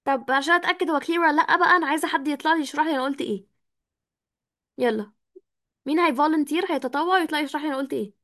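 A woman's voice: high-pitched, rapid-fire, bright, forceful tone. A woman with an Egyptian Arabic accent teaching an online English class, patiently explaining and asking students questions, with English words mixed into her talk.

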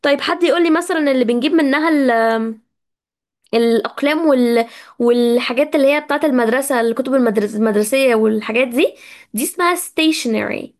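Egyptian woman, high voice, chatty English teacher who drills words slowly for her class. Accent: Egyptian Arabic. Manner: chatty, addresses students directly. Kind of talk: casual live vocabulary lesson.

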